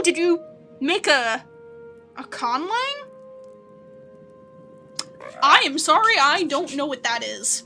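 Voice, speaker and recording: High bright young woman streamer, chatty and giggly, faint game music underneath. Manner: chatty and giggly, coos at pets. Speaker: gaming streamer. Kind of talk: casual game commentary, reading chat.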